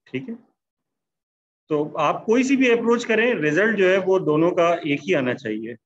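Heard through lo-fi sound, a high, sing-song male voice leads an online statistics class. He goes slowly, speaking each word of a sentence aloud as he writes it out.

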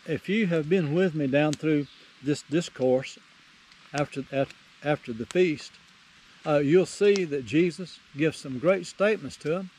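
A man's voice: on the high side, darkish tone, slight background noise, rough recording. Folksy man teaching scripture. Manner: folksy, repeats phrases for emphasis, reads scripture in King James wording. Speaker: Bible teacher. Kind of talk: verse-by-verse Bible teaching.

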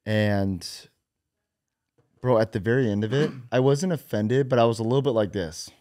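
A young man hosting a podcast in a studio, relaxed and conversational, asking questions and retelling exchanges. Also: medium pitch, moderate pace, no room sound. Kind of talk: casual conversation. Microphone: studio boom mic with headphones.

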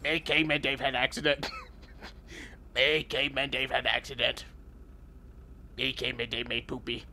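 A man voicing a dim-witted, excitable caveman who talks about himself in the third person while commenting on gameplay. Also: mid-range voice, normal speed, long pauses, slight background noise. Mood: goofy. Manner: broken caveman grammar, third person, sudden yelps. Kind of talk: playful game commentary in character.

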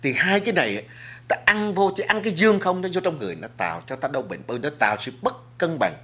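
A man talks as a talk-show guest, his pitch rising and falling with lively swings as he lectures. He speaks earnestly and addresses the audience directly. He often restarts his sentences around filler words. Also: quick pace, slightly rough. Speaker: guest speaker on food and culture. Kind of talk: studio talk show discussion.

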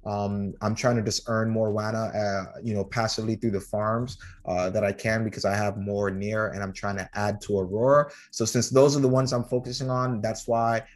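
Relaxed man casually walking viewers through. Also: on the low side, moderate pace, few pauses. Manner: relaxed, filler-heavy, addresses viewers as guys. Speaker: crypto channel host. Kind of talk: casual screen-share walkthrough. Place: home room.

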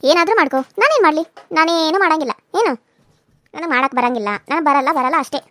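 A woman voicing a shrill, defiant village bride. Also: expressive, no echo, studio quality. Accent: North Karnataka Kannada. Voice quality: sharp, quick retorts. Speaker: voice actor. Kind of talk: cartoon serial voice acting.

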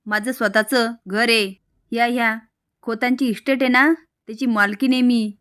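A woman's voice: a little high, steady tone, moderate pace, fairly bright tone, smooth, dry recording, clean studio sound, close to an everyday voice. A woman voicing a domineering, boastful mother-in-law in a serial retelling. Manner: boastful, scolding. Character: domineering proud middle-aged mother-in-law.

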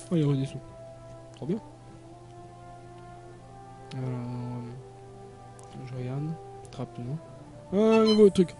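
A man comments casually on the game he is playing. His mid-range voice is halting, often muttering to himself as he thinks aloud. Game music plays clearly behind him. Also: medium pitch. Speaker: gamer, let's play host. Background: video game music.

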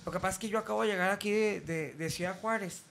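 A man's voice: high voice, fast, vocal fry, fairly bright tone, slight background noise. Man putting on a flirty camp impersonator, Mexican accent, sweet-talking, teasing. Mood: coaxing.

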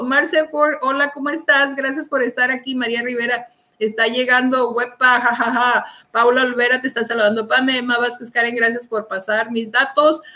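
A woman's voice: high-pitched, sharp tone. A young woman hosting a live stream, reading out and greeting viewers' comments while she keeps breaking into laughter. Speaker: livestream host.

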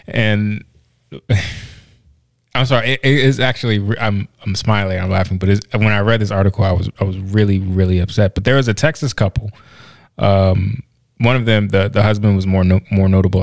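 Chatting casually as a podcast co-host, a man laughs readily and keeps starting his sentences over, with plenty of fillers. He has a low, gravelly, slightly mellow voice. No room sound is audible.

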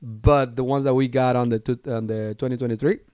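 A man co-hosting a casual collectibles chat show, talking in halting starts, repeating words and laughing easily. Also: mid-range voice, steady tone, darkish tone, clear, resonant tone, no echo, clean studio sound. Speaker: podcast co-host.

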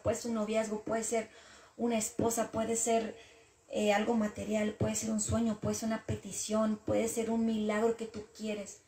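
A woman's voice: on the high side, mellow, reverberant. A woman talking earnestly and casually about her faith and her frustrations with God, repeating her points.

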